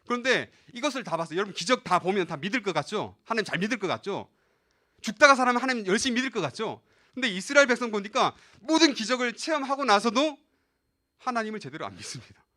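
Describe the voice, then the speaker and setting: Lively, bright-voiced male pastor preaching. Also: sits high, fast. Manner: animated, addresses listeners directly and acts out scripture quotes. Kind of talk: live sermon to a youth service.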